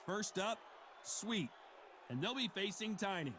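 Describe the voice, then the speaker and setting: A man playing an energetic boxing play-by-play announcer who calls the action with punchy, excitable lines. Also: high voice, unhurried, a little hiss or hum. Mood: calling action. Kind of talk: sports commentary.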